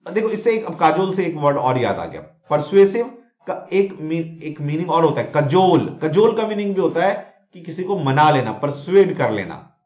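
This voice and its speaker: An exam coaching teacher teaches vocabulary in mixed Hindi and English, using mnemonics, repeating words and often checking in with "theek hai na?" His voice is fairly high, sing-song, a little mellow and moderately paced, recorded in an echoey room with dull lo-fi sound.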